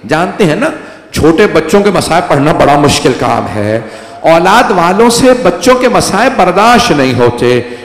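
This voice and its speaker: A man's voice: fairly high pitch, sing-song, moderate pace. A male cleric delivering a mourning sermon, lamenting, with his voice climbing into wailing cries. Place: large gathering hall. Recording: echoey hall with long reverb.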